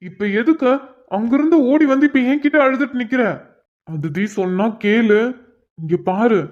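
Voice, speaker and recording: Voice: mid-range voice, moderate pace, natural voice. A voice actor playing a flustered young man in a cartoon, urgently pleading with a crying girl to go away. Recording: dull lo-fi recording.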